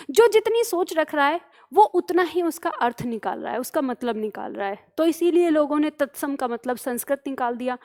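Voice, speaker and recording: A woman teaches grammar for competitive exams. Her voice sits high. She explains patiently, builds each point from small examples and keeps checking her students understand. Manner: addresses students as "बालक", asks questions and checks understanding; explains with worked examples, repeating key phrases. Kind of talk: exam-prep grammar lesson.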